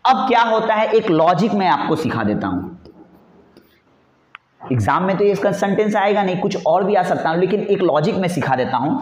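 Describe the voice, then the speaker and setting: A man's voice: high voice, sing-song, moderate pace. A male teacher giving an exam-prep grammar lesson, repeating points and answering his own questions in a coaxing way. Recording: echoey, dull lo-fi room sound.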